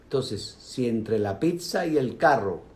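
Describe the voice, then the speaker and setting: An older man talks viewers through meditation in a relaxed, conversational way. His pitch swings widely as he leans into points and drops low for emphasis. The delivery is lively and direct, with playful asides. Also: a little slow. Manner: animated, speaks directly to viewers, asides and vocal sound effects. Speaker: meditation talk host. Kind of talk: casual spoken talk on meditation.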